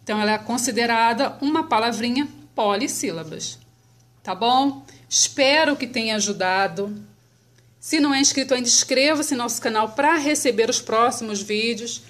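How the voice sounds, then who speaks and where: A woman teaching children about syllables, patient and clear, sounding words out slowly. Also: a little high, fairly bright tone. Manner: slow, patient, spells syllables out.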